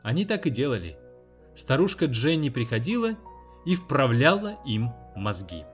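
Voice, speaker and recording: Male narrator, audiobook, mid-pitched, measured reading, faint music behind. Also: sing-song. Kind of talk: scripted narration.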